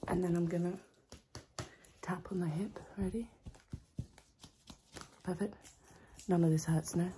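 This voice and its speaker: A woman in her twenties doing an ASMR role-play as a medical attendant, close to the mic, giving brisk, bossy, clipped instructions. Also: on the low side, fairly even intonation, dark tone, slight background noise. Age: 20s. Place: small room indoors by an open window. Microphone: close to the mic, leaning over the camera.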